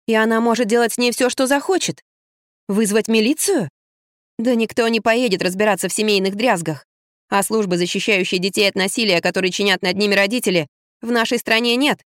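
A woman narrates an audiobook in the first person, with a lively and expressive delivery. Her voice sits in a medium range and is recorded dry and close. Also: mid-range voice, no echo. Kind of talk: audiobook reading.

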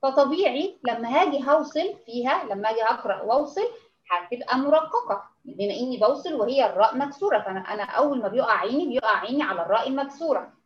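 An Egyptian woman teaches recitation rules over an online call, explaining patiently and pausing to ask her students whether it's clear. Her voice sits a little high. The audio is dull and roomy. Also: lively intonation. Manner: patient, keeps checking understanding with endearments. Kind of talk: online tajweed lesson.

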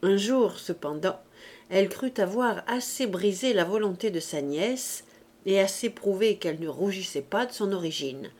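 A woman reading a classic French novel aloud in a measured, unhurried storytelling voice. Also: mid-range voice, darkish tone. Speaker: audiobook reader. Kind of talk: unhurried literary narration.

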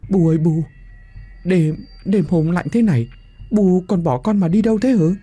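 A man's voice: a little high, expressive, moderate pace, mellow, slightly rough, no room sound, soft background music, voice pushed up. A man doing a stammering, worried village woman. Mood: anxious. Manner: stammering, trembling. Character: anxious, caring middle-aged village woman.

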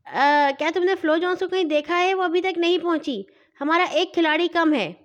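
A woman voicing a bossy football team captain who gives brisk, urgent orders in a storybook. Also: very high-pitched, lo-fi sound, pitched above the performer's own voice.

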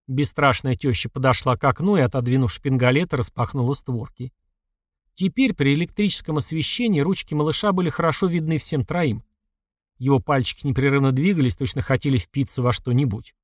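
A man narrating a horror audiobook with expressive, lively delivery. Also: mid-range voice, brisk, dry recording, studio quality.

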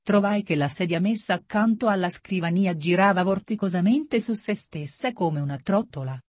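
A woman reading a first-person narration at a slow, measured pace. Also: mid-range voice, a little mellow, no echo, clean studio sound. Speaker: audiobook reader.

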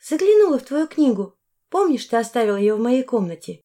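A woman narrator puts on a startled young half-mermaid with a raised, wondering voice. The tone stays soft and mellow. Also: fairly high pitch, big pitch swings, brisk, voice pushed up. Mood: earnest.

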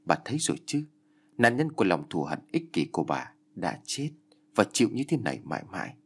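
Man playing a vengeful female ghost, bitter, accusing, husky, low. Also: very animated, fairly quick, full character voice. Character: vengeful ghost of a murdered young woman.

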